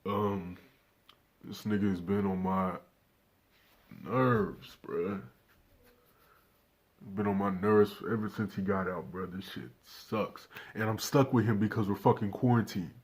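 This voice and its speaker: Fairly low and steady, with a breathy edge, the voice of this nineteen-year-old reaction host moves at a measured pace and pauses often. He swears freely, keeps things laid-back, and talks directly to viewers without a decent mic.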